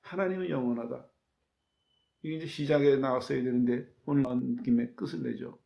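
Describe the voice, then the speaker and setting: A man's voice: medium pitch, steady tone, a little fast, gravelly, muffled recording. A man pastor preaching a sermon, stressing his points with rhetorical questions and repeated key words.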